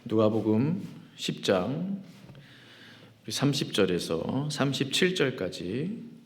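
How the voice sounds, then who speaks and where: A man pastor preaching a sermon. He reads scripture aloud and prays, then talks through his points in a conversational way with frequent pauses and fillers. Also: medium pitch, sing-song. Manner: leads congregation in call-and-response, then reads scripture and prays. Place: church sanctuary. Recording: long hall reverb in church.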